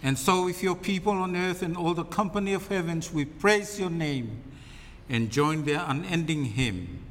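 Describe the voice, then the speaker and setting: A man's voice: on the high side, moderate pace, a bit bright, a little hiss or hum. A man reciting a communion liturgy as minister, solemn and formal, phrase by phrase, with a cathedral-like echo. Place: large reverberant church. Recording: long cathedral-like echo, reverberant hall.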